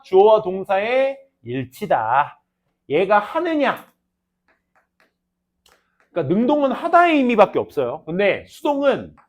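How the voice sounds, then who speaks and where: A young adult man teaching an English class, lecturing students in a casual, teasing way with lively asides. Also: high voice. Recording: dull lo-fi lecture recording.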